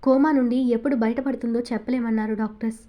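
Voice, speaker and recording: Storybook lover: a woman voicing a tender, teasing young man, affectionate delivery, slightly high mellow voice. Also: fairly even intonation, quick pace, natural voice.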